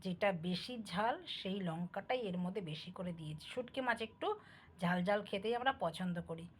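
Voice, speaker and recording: This cooking vlogger, a middle-aged woman of Bangal East Bengal heritage, talks straight to her audience from her home kitchen and invites their comments. Her voice is on the low side and a little fast, with a slight hiss or hum in the recording.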